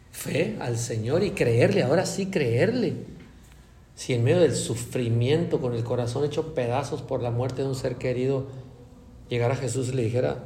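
Male preacher, fairly high voice, theatrical sermon delivery, roomy echo with faint noise. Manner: dramatic, swings from soft asides to loud emphatic peaks. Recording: echoey room with faint ambient noise.

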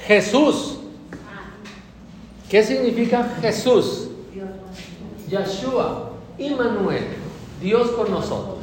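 A man preaching a sermon, emphatic and rising to loud declarations, often checking in with the congregation. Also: very high-pitched, lively intonation, slow, long pauses, slight background noise. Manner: frequent tag questions to the congregation. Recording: echoey hall with faint ambience.

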